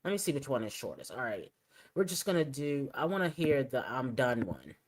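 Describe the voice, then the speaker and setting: A woman's voice: rumbling low, very animated, a little fast, low-quality recording. A woman hosting a casual reaction commentary, chatty and opinionated, muttering asides as she sets up clips. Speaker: commentary channel host.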